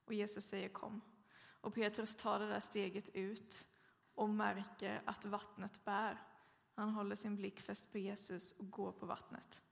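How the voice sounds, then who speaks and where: A woman delivers a sermon, moving from a relaxed anecdote to a steady scripture reading. Her voice has a slightly gravelly, fry-tinged texture. The sound hangs in a long, reverberant church hall. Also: medium pitch. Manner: conversational storytelling with occasional fillers. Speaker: preacher.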